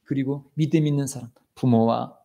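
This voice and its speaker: A man's voice: mid-range voice, steady tone, moderate pace, gravelly, mellow. A middle-aged male pastor preaching a sermon in a church, acting out quoted voices and raising his voice for commands. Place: church sanctuary.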